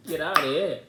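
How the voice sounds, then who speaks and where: A man's voice: on the high side, recorded from a distance. A young man, making short laid-back teasing comments beside his partner. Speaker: co-host, vlogger's partner. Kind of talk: casual chat, side comments. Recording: echoey, off-mic with faint room noise.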